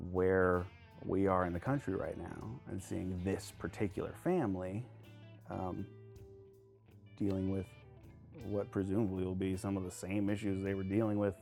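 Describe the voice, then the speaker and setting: A man's voice: sits low, creaky. Easygoing man hosting a podcast. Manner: relaxed, easygoing, thinks aloud. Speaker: podcast host. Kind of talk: casual chat.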